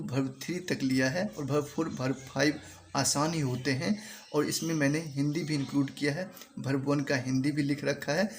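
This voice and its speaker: A man with an Indian accent teaching English verbs, saying each word slowly and repeating it to drill pronunciation. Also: on the high side. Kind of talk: spoken language lesson. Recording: faint background noise.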